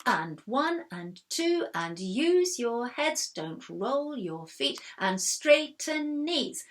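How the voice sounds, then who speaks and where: A woman voicing a stern, no-nonsense female ballet teacher who counts in a firm, brisk voice. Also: fairly high pitch, big pitch swings, voice pushed up, heavily acted. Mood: counting.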